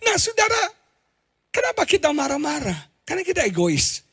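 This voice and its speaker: A middle-aged man with an Indonesian accent preaching a sermon as a pastor, telling stories with sudden loud exclamations and low asides. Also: wildly swooping pitch, moderate pace. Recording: live church stream with faint music behind.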